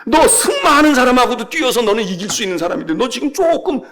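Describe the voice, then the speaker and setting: A male pastor playing God bluntly scolding a complaining prophet, in a gravelly, lively voice. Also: very high voice, fast talker, full character voice.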